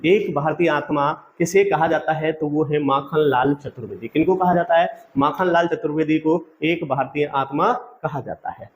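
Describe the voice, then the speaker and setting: A man's voice: a little high, moderate pace, few pauses, a little hiss or hum. A male exam-prep teacher giving a quiz-style lecture. He asks each question, gives the answer, then asks again so the students repeat it, and keeps calling the audience friends.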